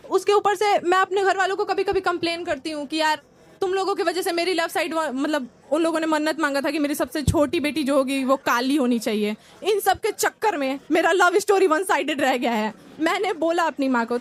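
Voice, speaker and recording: A young woman from India, performing stand-up comedy and telling lively stories in which she acts out relatives and friends. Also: high voice. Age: young adult.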